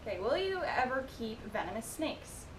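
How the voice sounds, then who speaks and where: A young woman of twenty-one with a slightly high voice runs through viewer questions in a loose, chatty way, tossing in giggles and quick asides. She sounds like she is in a roomy, echoey space, with a steady rumble of noise underneath. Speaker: vlogger answering viewer questions. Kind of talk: casual Q&A chat. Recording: echoey room with noisy rumble.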